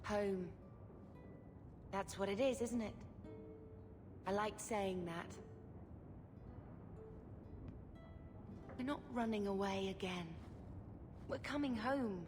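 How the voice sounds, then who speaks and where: An actress playing a gentle, earnest young mage, a devoted younger sister, in a video game. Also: female voice, medium pitch, slow pace, long pauses, close to an everyday voice. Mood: wistful, hopeful. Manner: earnest, wistful. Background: game music.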